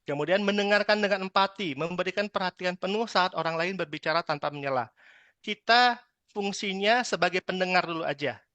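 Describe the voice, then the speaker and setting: A man from Medan giving a lively training talk on customer service, acting out customers now and then. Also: high voice, brisk, no echo, lo-fi sound. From Medan, Indonesia. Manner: lively, chatty, acts out customer lines. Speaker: sales trainer.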